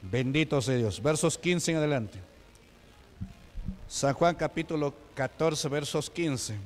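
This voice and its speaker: Peruvian man, deacon, Pentecostal sermon, fairly high voice, long church reverb, quizzes the congregation. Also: takes it slowly. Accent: Peruvian Spanish. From Peru. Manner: preaches with call-and-response questions to the congregation. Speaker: deacon preaching. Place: church sanctuary.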